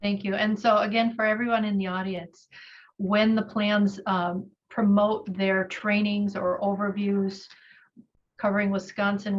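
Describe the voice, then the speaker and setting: Woman moderator, flat-toned, slightly muffled sound. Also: mid-range voice. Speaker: panel moderator. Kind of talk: moderating a panel.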